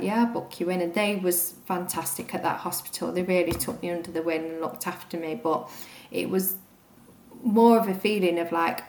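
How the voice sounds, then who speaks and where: A young woman with a low, gravelly voice recounts a personal experience in candid conversation. She rambles a little, with plenty of fillers. The room around her sounds echoey. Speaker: guest sharing a personal story.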